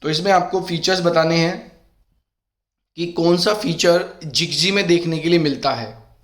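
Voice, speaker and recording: In this Hindi-English exam-prep lesson, the teacher is a middle-aged man whose voice sits a little higher than most men's. He has a sore throat. Reading each question slowly, he warmly refers to his students as beta.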